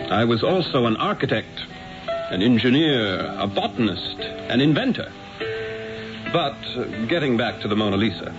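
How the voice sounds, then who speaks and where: A male actor with a lowish voice plays a proud, witty, grandiose master painter narrating his own story in first person for a radio drama. His manner is theatrical, haughty and eloquent, heard through a dull vintage radio broadcast with music.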